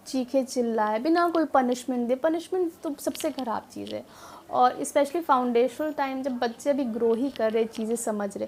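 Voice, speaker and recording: A woman with a bright, high voice explains reading to parents and teachers in an earnest, patient way. She pauses on fillers and drops English words into her sentences. A faint hum of background noise sits under the voice. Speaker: educator.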